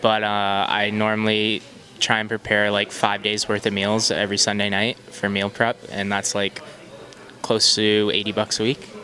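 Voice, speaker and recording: A man's voice: lowish voice, completely flat delivery, normal speed, sharp tone, poor audio. A man of twenty-one giving casual, slightly hesitant answers in an interview. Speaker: student interviewee.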